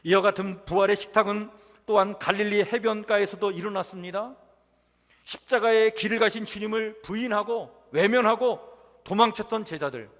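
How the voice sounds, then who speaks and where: Male pastor, high voice, earnest sermon delivery that builds on key words, reverberant church hall. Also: fairly bright tone. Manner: earnest preaching, swelling on key words, addresses the congregation. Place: church sanctuary.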